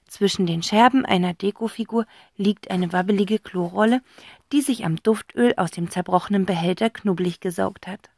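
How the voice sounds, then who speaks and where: A woman narrating a children's audiobook in a lively, expressive way. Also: medium pitch, no room sound. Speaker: audiobook reader.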